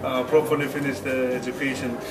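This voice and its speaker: A middle-aged man from Nepal with a Nepali accent, speaking as an interview guest in a noisy cafe, pausing often with "uh" and restarting his sentences. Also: medium pitch, flat delivery, far from the mic, a loud crowd. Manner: hesitant, frequent "uh" pauses and restarts. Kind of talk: casual interview.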